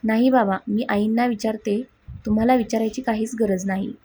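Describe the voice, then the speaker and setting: A woman reading the lines of a quiet, hurt young wife who speaks softly and hesitantly, in a husky voice. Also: on the high side, steady tone, brisk. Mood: pleading. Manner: soft, hesitant.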